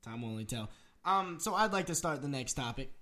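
Young male podcast co-host, hesitant, halting casual chat. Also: mid-range voice, expressive, pushed and bright. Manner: hesitant, many restarts and fillers.

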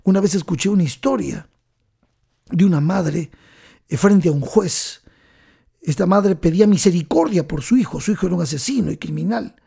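A male preacher giving an emotional sermon, telling stories and slowing down for emphasis. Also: high-pitched, animated, vocal fry, dark tone, husky. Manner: emotional storytelling, slows for emphasis.

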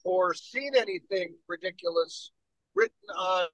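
A man's voice: high voice, expressive, a little slow, fairly bright tone, no echo, dull audio. A middle-aged man co-hosting a casual podcast, playful and joking, often stumbling into restarts. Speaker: podcast co-host. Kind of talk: casual chat.

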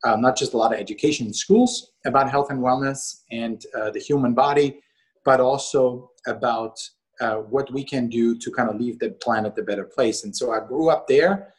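A middle-aged Austrian man, a company co-CEO, is a guest in a talk show interview. His husky voice has a typical male pitch, and he speaks in a measured, unhurried manner, often pausing on small fillers.

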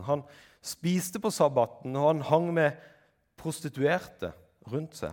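A man preaching a sermon, reading Bible passages aloud and acting out the voices in them. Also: darkish tone. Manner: reads scripture aloud, acting out voices with raised pitch.

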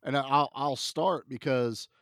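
A man's voice: medium pitch, fairly even intonation, a little slow, fairly bright tone, dry recording, studio quality. A man co-hosting a podcast, an enthusiastic and rambling storyteller. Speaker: podcast co-host. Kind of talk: casual chat.

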